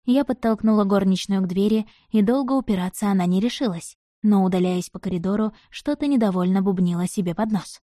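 A woman narrating a romance novel in the first person, with an expressive, dramatic reading. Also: mid-range voice, a little fast, hardly any pauses, no room sound, clean studio sound. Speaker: audiobook narrator.

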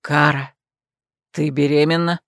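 Audiobook: woman reads a fed-up young son, low and pleading, dry mic. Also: flat delivery, a little slow, vocal fry, dry recording. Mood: exasperated. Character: young man, exasperated son.

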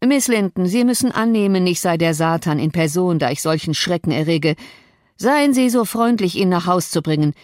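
A woman's voice: fairly low pitch, animated, normal speed, a little mellow, no echo, natural voice. A brooding, cruel landowner who taunts and commands with icy sarcasm, voiced by a woman reading an audiobook. His lines come across cold and threatening. The recording is dry and close, with no room sound. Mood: mocking.

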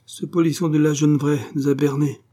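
A man's voice: a little high, flat delivery, fairly quick, warm tone, voice pushed up, lightly acted. A man voicing a plump, bustling middle-aged mother in an audiobook, coaxing and indignant by turns.

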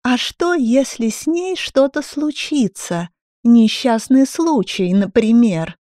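A woman doing a shrill, unhinged furious woman. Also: lively intonation, slow pace, warm tone, dry recording, clean studio sound. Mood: menacing. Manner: shrill, screaming, mocking.

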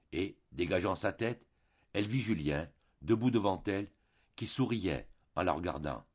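A man narrating a classic novel for an audiobook, reading in a slow, measured way. His voice is very low and husky. The recording sounds dull and lo-fi. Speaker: audiobook reader.

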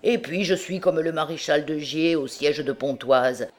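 A boastful, tipsy young male student shouts and jokes his way through a tavern, performed by a woman narrator. He exclaims loudly and laughs, all swagger in an audiobook reading. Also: low-pitched, a little slow.

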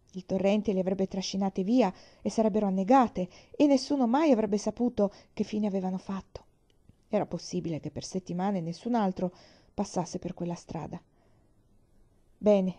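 A woman narrating a children's novel as an audiobook, expressive and measured. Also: mid-range voice. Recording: slightly dull recording.

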